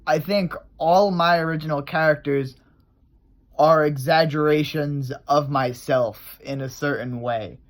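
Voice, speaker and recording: A man talking casually about how he builds his characters, loose and rambling, often trailing off and starting his sentences again. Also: medium pitch. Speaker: character creator on his own channel. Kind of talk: casual explanatory vlog.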